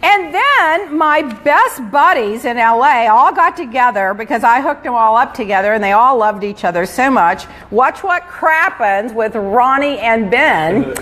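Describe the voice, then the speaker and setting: A middle-aged woman hosting a casual gossip chat, telling stories with animated, exasperated quoting. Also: high-pitched. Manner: animated storytelling, acts out exasperated quotes. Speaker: talk show host.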